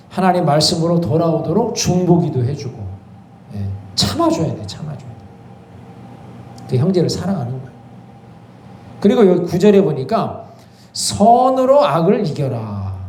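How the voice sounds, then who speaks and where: Male pastor, high-pitched, early-morning sermon with spoken prayers, echoey church room, faint room hum. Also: warm tone. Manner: preaching with rhetorical questions and repeated "예"; rises into fervent spoken prayer. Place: church sanctuary.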